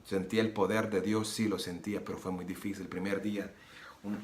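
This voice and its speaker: A man's voice: sits low, little pitch movement, fairly quick. A man giving an earnest personal religious testimony, repeating phrases and acting out the dialogue as he retells it. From Nicaragua. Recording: roomy echo with soft guitar music.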